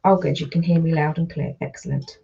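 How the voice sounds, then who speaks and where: Slightly croaky Geordie woman, rambling live chat. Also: low voice, fairly even intonation, a little fast, mellow, lo-fi sound. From North East England. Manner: chatty and rambling, greeting viewers by name. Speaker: livestream host and online seller. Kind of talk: casual livestream chat while ironing.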